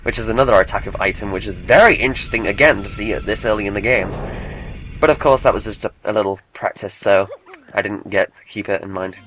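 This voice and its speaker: A man's voice: lowish voice, fast, fairly bright tone. A man giving chatty, joking commentary while playing a video game. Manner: chatty and jokey, reads game text aloud. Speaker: let's play host.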